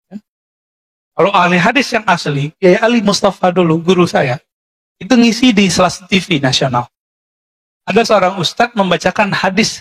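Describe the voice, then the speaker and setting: A man's voice: sits high, fairly bright tone. A man preaching a sermon to a congregation in Indonesian-accented speech, lecturing conversationally and often checking in with his listeners. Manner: conversational lecturing, addresses listeners as Pak, frequent "ya" tags. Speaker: Islamic preacher.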